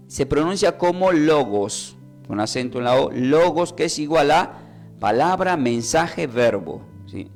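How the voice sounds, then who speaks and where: Male preacher, mid-pitched, teacherly radio Bible lesson, faint music under the voice. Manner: teacherly, asks and answers own questions; repeats words slowly when explaining.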